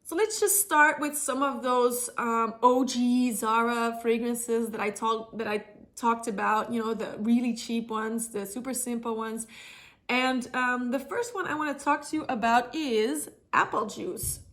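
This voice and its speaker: A fragrance vlogger with a cold, her voice slightly nasal and blocked up, chats casually through a perfume review with lots of fillers, restarts and self-corrections. Her voice is fairly high and fairly bright, and she doesn't hurry.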